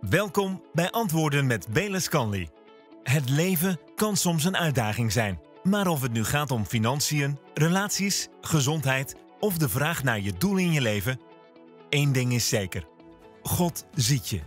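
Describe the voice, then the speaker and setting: A man's voice: a little high, very animated, moderate pace. A man voicing a scripted, reassuring introduction to a religious program. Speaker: program announcer. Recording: voice-over with music behind.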